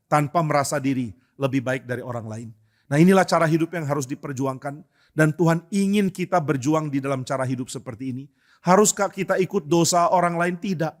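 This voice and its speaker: A male pastor preaching a sermon in church, asking rhetorical questions and acting out quotes with emphasis. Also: a little high.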